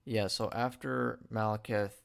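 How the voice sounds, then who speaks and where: A man's voice: fairly low pitch, steady tone, a little slow, gravelly, smooth. A young man hosting a radio show, giving a loose, rambling film review with lots of "like" and stumbles, talking with a retainer in. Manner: loose and rambling, fills with "like" and stumbles over words. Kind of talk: casual spoken film review. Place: radio studio.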